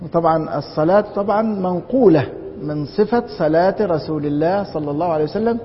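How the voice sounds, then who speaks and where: A man with an Egyptian Arabic accent teaching Islamic law in a classroom lecture. He keeps posing rhetorical questions and answering them himself. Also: quick pace. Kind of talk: classroom lecture on a religious text. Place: large mosque lecture hall. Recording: dull, reverberant hall with faint rumble.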